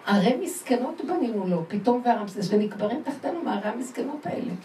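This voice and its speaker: A woman is teaching a religious class to a group of women, throwing lively questions at them and laughing as she makes her points. Her voice sits fairly high with a soft, mellow tone. She is picked up from across the room, so it sounds echoey with faint noise underneath. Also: recorded from a distance. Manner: animated, laughing, emphatic, asks the audience questions. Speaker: spiritual teacher.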